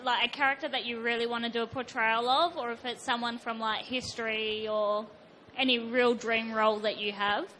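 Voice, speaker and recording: A woman's voice: a little high, fairly even intonation, moderate pace, bright, forceful tone, slight background noise. A woman at the back of the hall asking a rambling, hesitant question, heard from a distance. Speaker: audience member asking a question.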